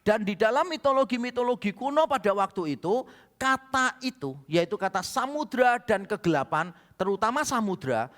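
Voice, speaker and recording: A man's voice: high voice, expressive, normal speed, fairly bright tone. A male pastor with an Indonesian accent, preaching a sermon with humorous stories and acted-out dialogue. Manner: humorous storytelling, acts out quoted dialogue. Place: church hall. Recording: church hall reverb.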